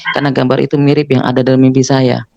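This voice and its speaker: Gravelly man telling his testimony. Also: medium pitch, level tone, quick pace, a little mellow, no echo, highs cut off. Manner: earnest storyteller, acts out the dialogue himself. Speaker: former preacher giving testimony. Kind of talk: spoken testimony in a conversation.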